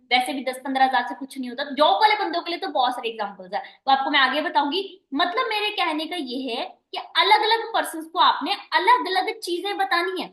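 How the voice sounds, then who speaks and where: High, bright-voiced woman coaching a team. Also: roomy sound. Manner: coaching, repeats "ठीक है" and "है ना" often; addresses listeners as dear and guys. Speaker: team manager training sales callers. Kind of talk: recorded training meeting. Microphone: online meeting recording.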